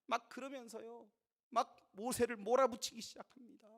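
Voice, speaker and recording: A man preaching a sermon in a church, emphatic, with sudden swings between loud and soft delivery. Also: extremely high pitch, steady tone, moderate pace. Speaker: pastor.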